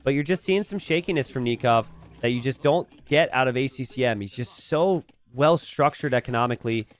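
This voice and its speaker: A man's voice: mid-range voice, faint music behind. A man giving live esports commentary on a strategy game as a caster, drawing out key phrases for emphasis. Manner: esports caster delivery, stressing key phrases with drawn-out words.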